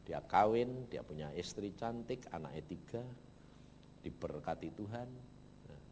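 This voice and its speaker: A male pastor preaching a sermon in a church, with a Javanese-influenced Indonesian accent and animated storytelling that swings from loud to low. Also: measured pace, big-room sound, slight background noise.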